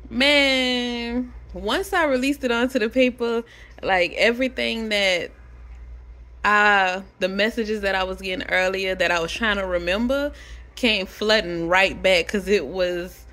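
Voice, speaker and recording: A woman's voice: medium pitch, measured pace. Chatty woman telling a story to camera. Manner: animated, chatty, swears freely. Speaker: vlogger.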